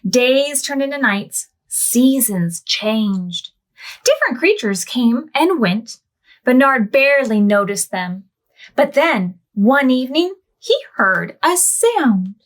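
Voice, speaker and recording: Reading a picture book aloud to a group of preschoolers, a woman keeps a gentle, relaxed pace. She pitches her voice high and lets it rise and fall expressively to draw the children in, the warm sing-song style of a library storytime.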